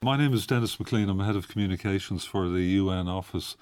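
A man's voice: low voice, a little fast, a little mellow, clear, resonant tone, no echo. A man from Ireland, a guest head of communications, answering interview questions hesitantly with many fillers in a radio studio.

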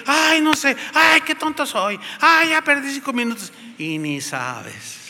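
A man with a Mexican accent preaching a sermon, telling a story and acting out the people in it. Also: high-pitched. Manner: lively storyteller acting out voices. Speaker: pastor. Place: church hall. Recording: reverberant church hall.

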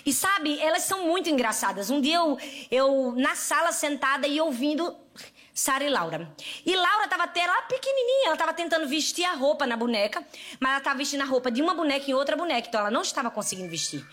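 A woman with a Northeastern Brazilian accent preaching a sermon to women, fervent and lively, calling out to her listeners and telling stories with laughter. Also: sits high, fast. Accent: Northeastern Brazilian Portuguese. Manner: fervent, addresses the audience directly with repeated calls.

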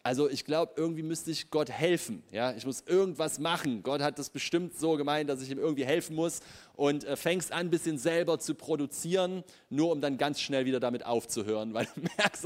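A man preaching a casual, humorous sermon in church, often laughing as he tells the story. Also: fairly high pitch.

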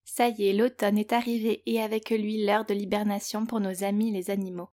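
A woman's voice: medium pitch, level tone, brisk, mellow. A woman hosting a children's audio story show, narrating from a script in a playful way and speaking directly to the young listener.

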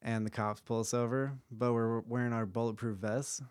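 A relaxed young podcast host talks through an idea with a buddy in a loose, laid-back, jokey casual explainer chat full of quick asides. His middle-pitched voice sounds dry, clean and close to the mic, with almost no room sound and no echo.

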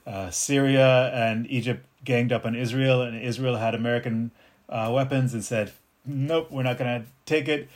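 Born in Detroit and partly raised in North Africa, this middle-aged capoeira teacher and martial artist speaks Arabic as his first language. He has a medium pitch and answers a casual interview reflectively and without hurry, with frequent restarts.

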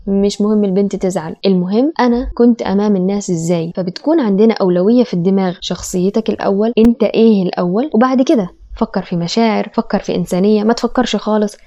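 A woman's voice: mid-range voice, very fast, few pauses, warm tone, muffled recording. A woman with an Egyptian accent giving a reflective podcast monologue as host, full of rhetorical questions. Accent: Egyptian Arabic. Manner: asks many rhetorical questions.

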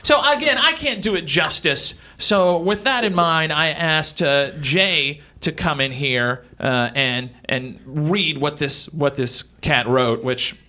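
Radio host, man in his 40s, bright forceful voice, halting and rambly, pitched a bit high. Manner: rambling, halting, full of fillers and restarts; grumbling, mocking complainers. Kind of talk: casual radio talk.

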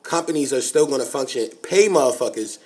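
A man, co-hosting a podcast in animated, joking slang. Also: medium pitch, a little fast. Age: 20s. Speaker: podcast co-host. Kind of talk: casual podcast chat.

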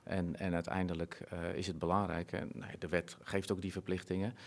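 Earnest, low-voiced Dutch-speaking man. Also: flat delivery, fairly quick. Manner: earnest, reflective, many fillers and restarts. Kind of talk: conversational interview.

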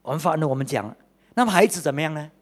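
A man preaching a sermon as a pastor, animated and exclaiming, swinging between loud bursts and quiet asides, often pausing on "OK" and fillers. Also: on the high side. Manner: peppers talk with "OK" and drawn-out fillers.

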